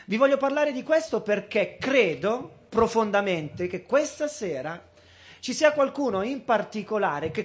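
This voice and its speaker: A man in his thirties preaching a sermon, earnest and emphatic, slowing down to stress key words. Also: sits high. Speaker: guest preacher.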